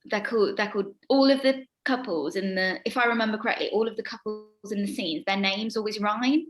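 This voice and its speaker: A young actress telling backstage stories in an interview, rambling with lots of ums and hesitations. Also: female voice, a little fast, soft background music. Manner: rambling with many ums, acts out quoted lines in a high voice. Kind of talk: casual anecdote-telling.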